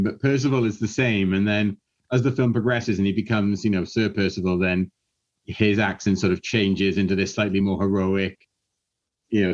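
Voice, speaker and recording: Chatty man on dull lo-fi audio. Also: lowish voice. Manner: chatty, laughs between points. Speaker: film podcast panelist. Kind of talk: casual chat.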